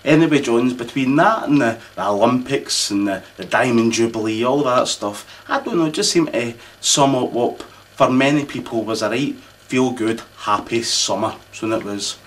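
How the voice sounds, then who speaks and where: A man's voice: medium pitch, normal speed. A man with a Scottish accent delivering a mock-formal Christmas address, pompous and rambling, with local slang. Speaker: comic host of a mock royal address.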